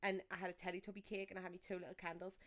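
A woman's voice: fairly low pitch, level tone, racing, a bit bright. A young woman, casually telling childhood stories and often laughing mid-sentence. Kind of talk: casual chat.

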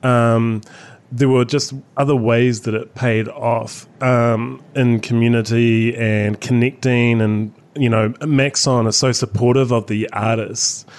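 A man with a New Zealand accent hosting a podcast interview in a relaxed, friendly way. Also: mid-range voice, slow. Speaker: podcast host.

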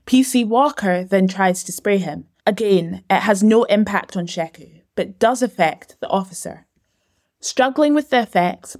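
A woman's voice: medium pitch, a little mellow. Woman narrating a news documentary.

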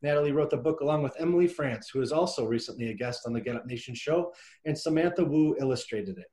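A man with a slightly high, warm voice hosts a podcast. He reads a scripted introduction, then asks his guest questions in an upbeat, encouraging way.

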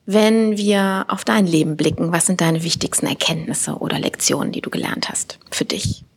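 A friendly woman hosts an interview podcast in a gallery, her voice breathy and soft-edged. She laughs easily and keeps the questions flowing. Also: on the low side, moderate pace. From Düsseldorf. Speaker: podcast host. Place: art gallery.

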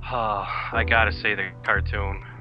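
A man's voice: fairly low pitch, flat delivery, measured pace, highs cut off, music in the background. A man as a podcast guest, chatting casually like a fan reminiscing.

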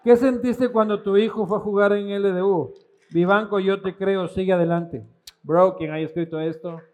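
Man, high pitch, teasing, irreverent, swears casually. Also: fairly even intonation, normal speed, darkish tone. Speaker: talk show host. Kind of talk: casual comedic chat.

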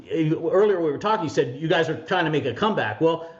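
A man hosting a podcast interview, talking in an earnest, halting way with many restarts. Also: fairly high pitch, expressive, muffled recording. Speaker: podcast host. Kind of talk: casual interview.

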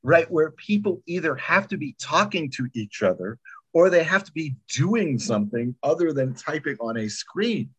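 In a lively, casual interview, a man who produces and sound-edits podcasts rambles through stories with emphasis. His voice is a little high and very animated, with a breathy edge, at normal speed on a low-quality recording.

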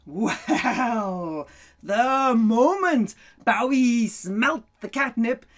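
A woman reading a children's story aloud in an animated way, laughing often and dropping to whispers. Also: on the high side, extremely slow.

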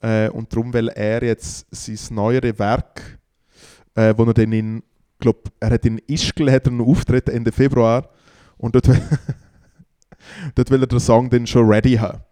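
A man's voice: medium pitch, level tone, a little slow, dark tone. Rambling man. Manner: rambling storyteller, many fillers. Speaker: podcast co-host. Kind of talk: casual chat.

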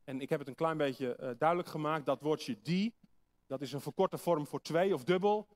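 A high-pitched man delivers a sermon to a congregation. He explains things patiently and poses questions for his listeners to think over. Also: normal speed, a little mellow. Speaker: preacher. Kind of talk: sermon with Bible reading.

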